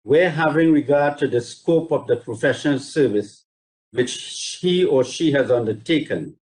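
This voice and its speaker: His voice a little high with a darkish tone, a male barrister reads carefully from judgments in a formal, measured and courteous submission. The recording, made over a video call link, is rough.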